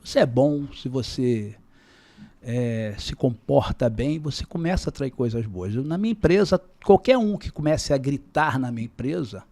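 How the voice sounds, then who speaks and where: Calm gravelly-voiced man guest. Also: medium pitch. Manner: calm, measured, repeats words when searching. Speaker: podcast guest, business leader. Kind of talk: casual interview talk.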